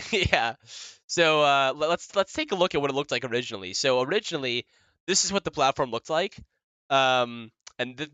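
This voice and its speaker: A man presenting his own work on a livestream, with a bright, ringing and very clear voice. His talk is chatty and full of fillers and restarts. He keeps mocking himself and laughing as he goes, recorded close and dry. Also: mid-range voice, no echo. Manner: joking, self-mocking, laughs often. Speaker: developer presenting his project. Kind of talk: casual livestream demo.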